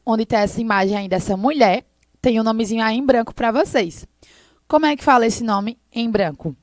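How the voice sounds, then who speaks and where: A Brazilian woman teaching English to schoolchildren in a recorded online class, explaining slowly and patiently and often ending with a quick check-in question. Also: on the high side, no room sound. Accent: Brazilian Portuguese. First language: Portuguese.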